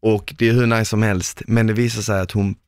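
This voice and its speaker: A man's voice: on the low side, little pitch movement, smooth, dry recording. A man hosting a podcast, asking curious questions in loose, casual chat with plenty of swearing. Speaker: podcast host.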